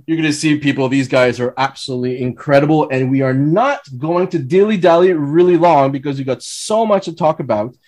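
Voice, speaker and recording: A man hosting an unscripted sports talk show in an excited, showy manner. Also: on the high side, brisk, few pauses. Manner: excited, showy announcer-like welcome. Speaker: podcast host.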